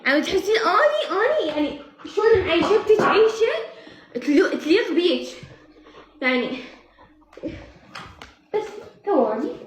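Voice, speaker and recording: A woman's voice: extremely high pitch, big pitch swings, moderate pace, pauses often. A woman casually talking to her pet in a cooing, pleading baby-talk way. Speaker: vlogger with her dog. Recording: roomy echo.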